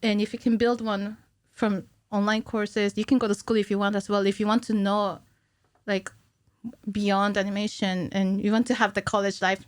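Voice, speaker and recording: A woman in her thirties, an animator appearing as a podcast guest, chats casually in an interview and explains things in a giggly, informal way. Her mid-range voice keeps a level tone at normal speed. The recording is dry, made in a small indoor podcast studio on a close studio mic on a stand.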